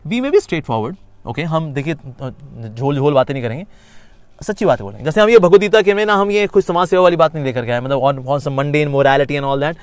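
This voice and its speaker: A man teaching a spiritual course, mixing Hindi and English, lively and explanatory, sometimes acting out inner voices with sing-song repetition. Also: a little high, a little fast, clear, resonant tone, no room sound. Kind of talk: Gita lecture.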